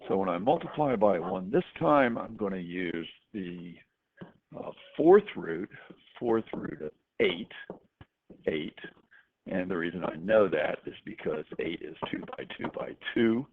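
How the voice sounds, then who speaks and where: A man's voice: deep voice, animated, normal speed. A man teaching math, working through problems step by step with casual asides. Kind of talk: worked-example math lesson. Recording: tinny lo-fi recording with faint noise.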